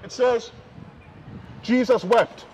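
High-voiced street preacher. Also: male voice, slow, highs cut off, a little hiss or hum. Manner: emphatic, repeats key phrases, shifts between loud and hushed. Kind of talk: open-air street preaching. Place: outdoors on a city street.

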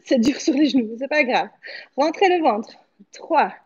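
Leading a home workout in her living-room studio indoors, a fitness coach in her thirties exercises while counting repetitions and offering brief encouragement. She has a high-pitched voice with lively intonation and a measured pace, a breathy edge, and the highs are cut off.

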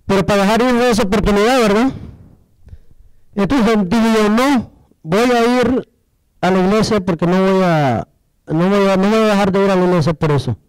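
A man's voice: high voice, moderate pace, clean tone, no echo, low-quality recording. A man telling his testimony in a church service, acting out the dialogue as he goes and asking the congregation rhetorical questions. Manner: storytelling, acts out dialogue, asks the audience rhetorical questions. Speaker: church member giving a testimony.

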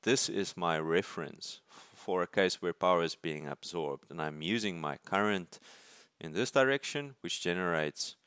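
A man's voice: deep voice, moderate pace, fairly bright tone, clear, resonant tone, dry recording, studio quality. A male university lecturer explaining circuit drawings at his desk. He thinks aloud, restarts words and keeps checking in with "right?". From South Africa. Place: at a desk, filming paper from above.

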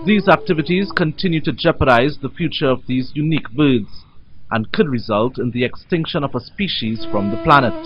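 A man's voice: mid-range voice, lo-fi sound. A man reading scripted narration for a nature documentary. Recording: dulled sound under prominent music. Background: music.

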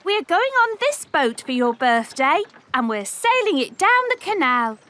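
A woman voicing a patient, practical mother dog in a children's cartoon, calmly reassuring and explaining. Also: high voice, unhurried, full character voice. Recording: music behind the voice.

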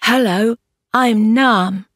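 A woman reading scripted classroom dialogue slowly and carefully. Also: a little high, fairly bright tone, no room sound, clean studio sound. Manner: slow, careful, over-articulated. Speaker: textbook dialogue voice.

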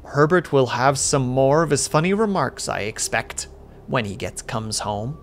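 A man's voice: medium pitch, lively intonation, a little slow, a little hiss or hum. A man reading aloud and voicing a fretful, kindly elderly mother with rising pleas. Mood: teasing.

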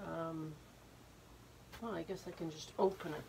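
An older woman in her sixties, slightly hoarse from a cold, talks haltingly and casually through an unboxing, thinking aloud as she goes. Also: low-pitched, steady tone. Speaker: art vlogger unboxing supplies. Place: indoor home art studio, wood-beamed. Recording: noisy room, clicks and rustling.

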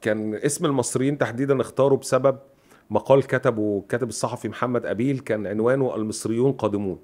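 A man's voice: mid-range voice, rapid-fire, darkish tone. A man with an Egyptian Arabic accent, co-hosting a podcast and retelling music history in casual chat, acting out quoted dialogue. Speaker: podcast co-host.

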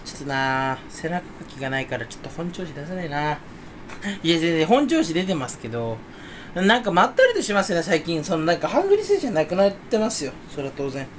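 A young man in a casual solo vlog, rambling and self-mocking, sometimes mimicking others in a higher voice. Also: a bit bright, a little hiss or hum. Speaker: vlogger. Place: room indoors.

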